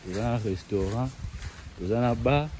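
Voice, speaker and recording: A Congolese man from the site staff answers questions with lively pride. His voice sits at a middle pitch. Plain outdoor noise is heard all around him. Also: moderate pace. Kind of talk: casual interview answers. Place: outdoors at a park.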